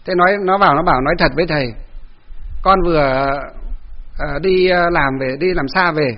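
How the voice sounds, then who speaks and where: A Buddhist monk gives a dharma talk, telling a personal story in a loose, chatty way with many fillers and acted-out quarrels. His voice sits high for a man. The recording sounds dull and lo-fi. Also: brisk.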